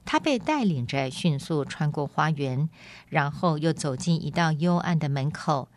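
A woman radio host reading a storybook aloud in a calm, expressive storytelling manner. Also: low-pitched, no room sound.

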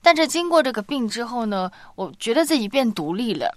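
A woman's voice: a little high, very animated, a little fast, no echo. A woman co-hosting a faith radio chat, talking casually and sharing personal stories. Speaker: radio co-host.

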